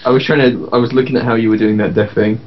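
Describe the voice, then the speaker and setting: A man with a medium-pitched voice talks casually during a tabletop game. The sound is slightly muffled, like lo-fi voice chat. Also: flat delivery, fast talker, slight background noise. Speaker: player in tabletop role-playing game. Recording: dull lo-fi voice-chat audio.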